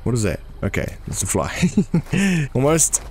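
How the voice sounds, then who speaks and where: Excitable young man narrating gameplay. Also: fairly low pitch, moderate pace. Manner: excitable, laughs often, says "bro" a lot. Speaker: gamer. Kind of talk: casual gameplay commentary.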